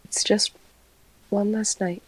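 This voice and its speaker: A woman's voice: medium pitch, level tone, slow, low-quality recording. A woman player in a tabletop game, making dry, teasing remarks. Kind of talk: tabletop roleplay banter.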